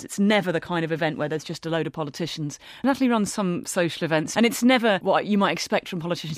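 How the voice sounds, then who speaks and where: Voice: mid-range voice, no room sound, clean studio sound. A friend being interviewed, chatting in a rambling, casual way.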